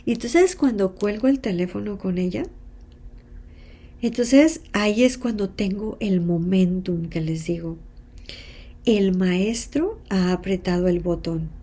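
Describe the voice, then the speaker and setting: A Mexican woman talks through a self-help lesson in a mellow, warm voice at a middle pitch. She tells her examples expressively, voicing the people she quotes and sometimes sinking to a whisper. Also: unhurried. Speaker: hypnotherapist and self-help teacher. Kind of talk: teaching talk with role-played examples.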